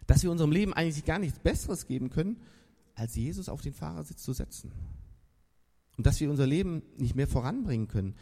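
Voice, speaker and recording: A man's voice: fairly high pitch, lively intonation, fast, dark tone. A man preaching a sermon at a church service in a casual, enthusiastic and slangy storytelling way. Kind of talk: lively sermon.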